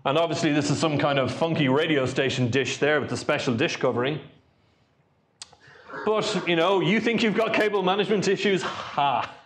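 Give me a joking Irish conference speaker, a man with a fairly high voice. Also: brisk. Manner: dry, joking storyteller. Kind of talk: lightning talk at a tech meetup.

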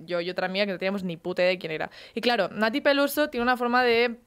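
A woman's voice: medium pitch, steady tone, very fast, fairly bright tone, clear, resonant tone. Give me a young woman telling casual stories as a podcast co-host in a radio studio. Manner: chatty storyteller, swears casually. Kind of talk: casual chat.

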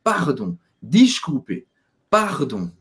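Male co-host at mid pitch, steady, repeats words for drilling. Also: very slow. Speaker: language teacher, co-host. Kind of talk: casual video lesson.

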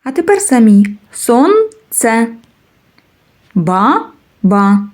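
Brief: woman kindergarten teacher, lively sing-song pitch, deliberate and carefully enunciated. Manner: slow, clearly enunciated, drawing out words. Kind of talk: preschool literacy lesson.

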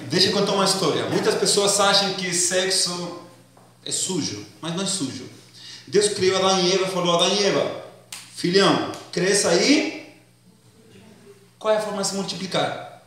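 A man's voice: high voice, fairly bright tone. A man preaching a sermon in church in a casual, slangy way, quizzing the congregation and acting out comic scenes. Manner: acts out comic skits. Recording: echoey church hall, distant mic.

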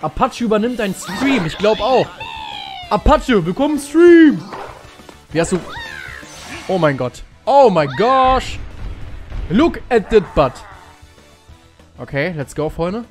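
Excitable young man streaming a game. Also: high-pitched, slow, pauses often, faint music behind. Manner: excitable, jokey, with sudden shouts. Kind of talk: casual let's-play commentary to chat.

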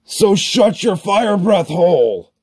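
A man's voice: fairly high pitch, big pitch swings, gravelly, a little mellow, soft background music, voice pushed up, heavily acted. A man voicing a whiny, easily flustered young male monster who snaps in a comic gaming sketch. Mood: annoyed. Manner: whining, quick to snap.

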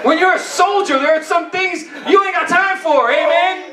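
A middle-aged man preaches a sermon from a church stage at normal speed, his voice extremely high over a noisy background. The distant camera captures echo as he repeats colloquial phrases, exhorts the congregation, and punctuates points with "amen?".

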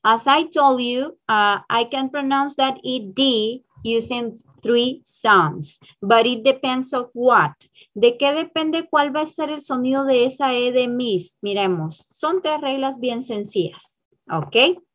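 A woman teaching English in an online class, switching between Spanish and English and drilling sounds slowly with exaggerated repetition. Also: high voice, fairly bright tone.

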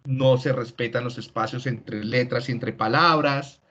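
A man's voice: mid-range voice, steady tone, measured pace, fairly bright tone. A man giving an online class lecture and explaining step by step, often checking in with "¿sí?". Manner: explanatory, tags many lines with "¿sí?". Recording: dull lo-fi video call audio.

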